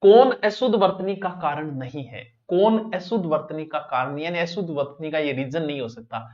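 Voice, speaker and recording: A man's voice: on the high side, normal speed, darkish tone, dull audio. A man teaching an exam-prep lesson, talking straight to his students and repeating the key words.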